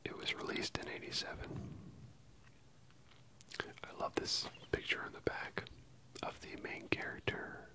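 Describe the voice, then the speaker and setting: Close-up ASMR whisper, bright and breathy. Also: unhurried, long pauses. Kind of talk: whispered ASMR casual film review. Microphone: close stereo microphone, ear-to-ear panning.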